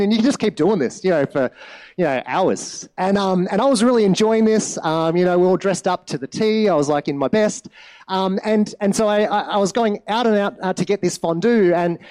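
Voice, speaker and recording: A man's voice: sits high, darkish tone. A man giving a sermon in a chatty storytelling way, with many fillers. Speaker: preacher.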